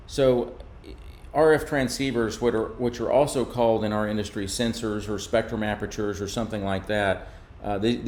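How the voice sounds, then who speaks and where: A presenter from a radio maker explains technical material in a fairly low, darkish voice. His delivery is measured but informal, like walking through slides, with faint noise behind him.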